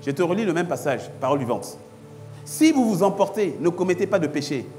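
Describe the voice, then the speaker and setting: A high-voiced man preaches in a church, pressing his points with emphatic repeated phrases that swell in intensity. Faint music plays behind him. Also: sing-song, a little fast, a little mellow. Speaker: pastor. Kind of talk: sermon.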